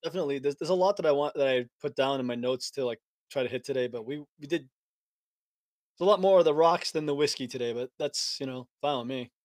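A man hosting a podcast in casual chat, relaxed and rambling, chuckling often. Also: mid-range voice, fast, no echo. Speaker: podcast host.

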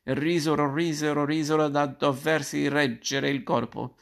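A man reading a classic fairy tale aloud, narrating in a measured, expressive storytelling manner. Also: on the high side, vocal fry.

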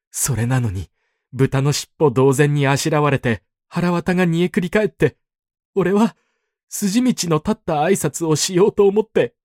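A rough-talking grown man sobbing and pleading, his speech slurred and looping back on itself, as a male narrator puts him on. His voice leaps high and swings widely. The sound is dry and close. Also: darkish tone, no echo. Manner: sobbing, rambling, repeats himself.

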